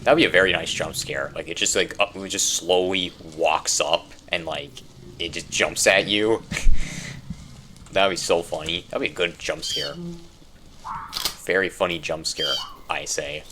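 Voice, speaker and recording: A young man giving rambling casual commentary while playing a game, breaking into loud frustrated outbursts. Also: low-pitched, a little slow, a little hiss or hum. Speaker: gamer.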